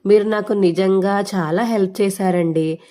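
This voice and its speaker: A woman's voice: medium pitch, steady tone, moderate pace, dark tone, close to an everyday voice. A woman voicing a remorseful young male student who apologizes earnestly. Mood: apologetic.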